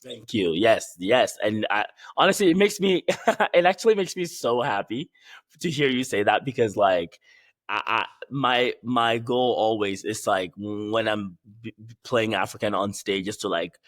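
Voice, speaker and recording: Laughing young actor from Ghana. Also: male voice, fairly low pitch, unhurried, no room sound, clean studio sound. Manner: laughs often, relaxed, restarts. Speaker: actor, guest. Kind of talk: casual interview chat.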